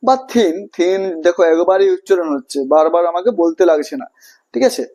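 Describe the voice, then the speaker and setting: High-voiced Bengali man teaching grammar. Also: brisk, warm tone. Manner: repetitive, checks understanding often, asks and answers own questions. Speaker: English teacher. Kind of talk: classroom grammar lesson.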